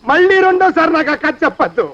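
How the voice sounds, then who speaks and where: An actor playing a stingy, panicky landlord who grumbles and haggles in a film scene. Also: male voice, very high-pitched, lively intonation, fast, fairly bright tone, muffled recording. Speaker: miserly master.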